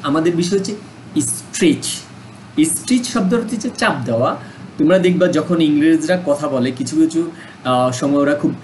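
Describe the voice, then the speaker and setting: Male Bangladeshi English teacher, slightly high voice, patient drill-style delivery, faint room noise. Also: a little mellow, low-quality recording. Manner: mixes Bengali and English, repeats words for practice. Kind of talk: online lesson explanation.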